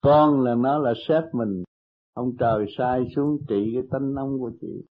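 A man's voice: medium pitch, measured pace. Man teaching in maxims on a tinny tape. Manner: gentle, teasing, speaks in short maxims. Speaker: meditation teacher. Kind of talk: spiritual counseling.

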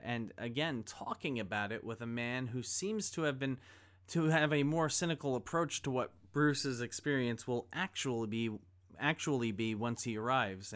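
A man's voice: medium pitch, fairly bright tone. A man preaching a sermon, reading scripture and then retelling a film scene in a conversational way. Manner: conversational storytelling, acts out quoted dialogue. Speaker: pastor.

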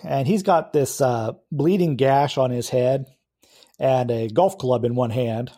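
A man narrating as game master of a tabletop role-playing game, describing scenes at an easy pace with filler pauses. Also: mid-range voice, mellow.

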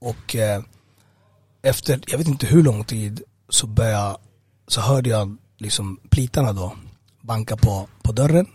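A man giving a personal testimony in an interview. He talks conversationally and haltingly, with many fillers and repeated words. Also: on the low side, darkish tone, dry recording. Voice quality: husky. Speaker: interview guest.

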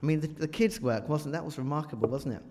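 A guest preacher from England jokes his way through a church talk, chatting with and quizzing the audience in a large church. His voice is a little high, fast and mellow, and the recording echoes through a reverberant church hall.

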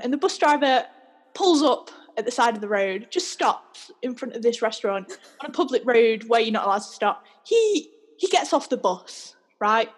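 A young woman with a slightly raised, husky voice chats through a story on a podcast. She's animated and laughs easily between lines. Her tone stays relaxed and conversational. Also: a little high. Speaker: podcast co-host. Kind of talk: casual storytelling chat.

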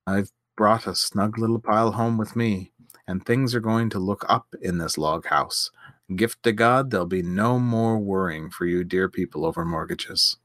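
Guy doing a steady young man telling his tale in an old storybook, lowish voice, dry sound. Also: moderate pace, no echo, natural voice. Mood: earnest. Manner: sober, earnest. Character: sturdy young man, warm big brother.

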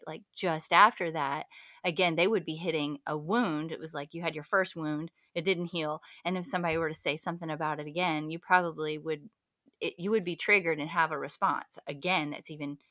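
A woman co-hosting a casual podcast, telling a personal story in an animated way and acting out quoted speech, then dropping to a hushed, reflective tone. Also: no room sound, clean studio sound. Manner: animated storyteller who acts out quoted speech with big pitch jumps; drops to a hushed, reflective tone at key moments. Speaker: podcast co-host.

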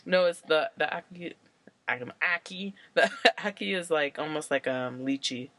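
A woman's voice: sits low, normal speed, a bit bright. A woman co-hosting a podcast in casual chat, rambling and explaining, laughing easily. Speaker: podcast co-host.

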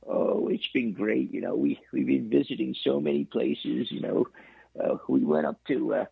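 Brief: older male phone-in caller, gravelly and husky, tinny line, folksy chuckling. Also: medium pitch, no echo. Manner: chuckling, halting, folksy teasing. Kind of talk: phone-in chat.

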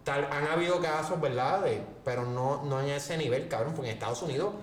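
A man with a Puerto Rican accent hosting a casual podcast, telling stories with lively quoted voices. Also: a little high, brisk, far from the mic. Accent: Puerto Rican Spanish. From Puerto Rico. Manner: animated storytelling, acts out quotes in raised voice. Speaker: podcast host. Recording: echoey room, faint background noise.

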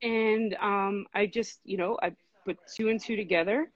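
A woman guest talking casually in an interview, relaxed and chatty with plenty of fillers. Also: mid-range voice, moderate pace, no echo, dull audio. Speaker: podcast co-host and guest.

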